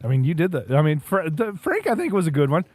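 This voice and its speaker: Man, podcast co-host, fairly high voice, very animated, dry close sound. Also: quick pace, no echo, soft background music. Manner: animated, laughs often, does silly character voices. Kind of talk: casual chat.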